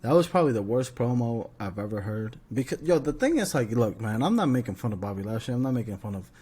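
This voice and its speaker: A man's voice: mid-range voice, sing-song, fast, mellow, slightly rough. A man co-hosting a podcast in casual chat, with laid-back slangy banter and frequent laughter. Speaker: podcast co-host.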